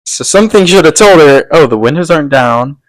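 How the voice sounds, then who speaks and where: A man's voice: fairly high pitch, expressive, fairly quick, dry recording, poor audio. Teasing young man cutting in. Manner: teasing, cuts in to correct the story. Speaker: podcast co-host. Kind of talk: casual chat.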